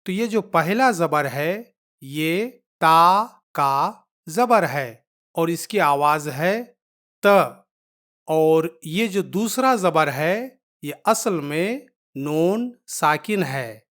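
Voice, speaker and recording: Patient woman teacher, slightly low voice, slow and repetitive. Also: expressive, a bit bright. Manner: patient, repeats each point, drawn-out letter sounds. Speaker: Quran reading teacher. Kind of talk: slow step-by-step lesson.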